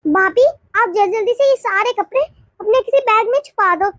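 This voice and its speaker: A woman voicing a brisk, domineering young married woman in a storybook cartoon. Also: very high voice, a bit bright, no echo, studio quality. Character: bossy young married woman, household head. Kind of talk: animated cartoon dialogue.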